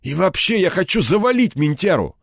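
Guy putting on a raised, yelling thug voice, crude and furious, dry close sound. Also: sits high, animated, fairly quick, dry recording, pitched above the performer's own voice. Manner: shouting, snarling, crude slang. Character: furious cornered male ex-cop turned gangster. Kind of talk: audiobook character voice.

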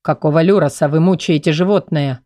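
A woman voicing a stern but kind young king who speaks in a low, measured, frowning voice. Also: dark tone, no room sound, clean studio sound, natural voice.

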